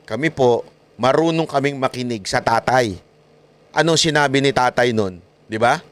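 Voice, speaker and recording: A man from the Philippines giving animated political commentary as a vlogger, mocking his critics and laughing often. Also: mid-range voice, normal speed.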